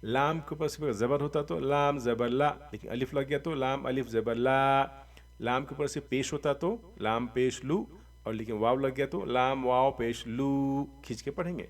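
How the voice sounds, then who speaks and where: A man teaching Quran reading, spelling out letters and vowel marks slowly and drawing them out, with quick explanations in between. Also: mid-range voice, far from the mic. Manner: slow drawn-out recitation of letters, quick asides. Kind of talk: spelling out syllables in a lesson.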